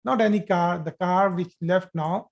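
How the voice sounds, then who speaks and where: Male online language teacher, high voice, patient and repetitive, video-call sound. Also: steady tone, creaky. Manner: patient, repeats each sentence slowly then explains. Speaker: Arabic teacher. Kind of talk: live online grammar lesson.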